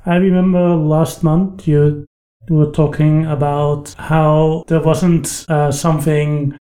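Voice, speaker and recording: A man's voice: on the high side, little pitch movement, slow pace, warm tone. A man co-hosting a casual tech podcast with a dry, teasing manner. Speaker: podcast co-host. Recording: roomy echo.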